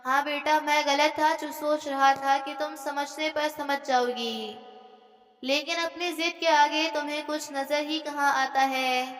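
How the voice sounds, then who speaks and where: A hurt, stern older father in an audio story, as a woman narrator puts him on, bitter and resigned. High, even voice, with a long hall echo. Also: a little slow. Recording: echoey hall with faint music.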